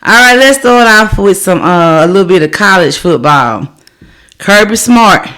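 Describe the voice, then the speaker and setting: A woman's voice: mid-range voice, lively intonation, normal speed, fairly bright tone. A middle-aged woman co-hosting a sports podcast, chatting casually and reading out news items with frequent "um"s. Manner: reads headlines with fillers like "um". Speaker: podcast co-host.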